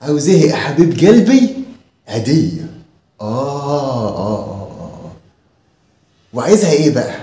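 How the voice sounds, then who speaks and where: Brief: man doing a sarcastic, teasing Egyptian dad, lively swooping sing-song, echoey room. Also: medium pitch, normal speed, long pauses, natural voice. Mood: mocking. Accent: Egyptian Arabic. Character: mocking, stingy father teasing his son. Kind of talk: home comedy sketch.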